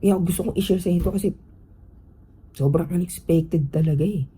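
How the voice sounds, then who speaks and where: A man's voice: high voice, normal speed, a little hiss or hum, rough recording. A young Filipino man hosting a podcast, telling a story casually in mixed Tagalog and English with lots of fillers. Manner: animated, Taglish chatter with many fillers. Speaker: podcast host.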